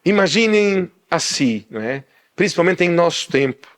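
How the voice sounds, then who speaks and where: A man preaching a sermon as pastor, loud by habit and animated, acting out small dialogues as he explains. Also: high-pitched, moderate pace. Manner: animated, acts out little dialogues; speaks loudly by habit. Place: church in Portugal.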